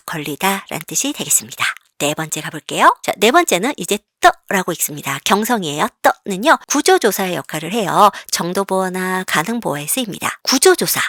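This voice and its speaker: Lively woman teaching, bright dry voice. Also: fairly low pitch, no room sound. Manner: lively, asks questions and answers them herself; reads Chinese example sentences slowly and clearly. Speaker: Chinese language teacher. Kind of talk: online lesson, explaining example sentences.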